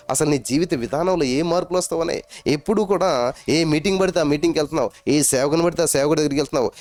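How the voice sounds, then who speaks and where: Fast-talking fervent male preacher. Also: on the high side, a little mellow. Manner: fervent preaching with rising exclamations. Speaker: pastor. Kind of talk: sermon.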